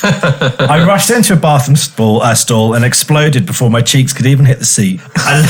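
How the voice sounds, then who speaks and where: A man's voice: medium pitch, animated, normal speed. Man reading a listener story between laughs. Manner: laughs while reading aloud. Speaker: podcast co-host. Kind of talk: casual chat and reading listener stories.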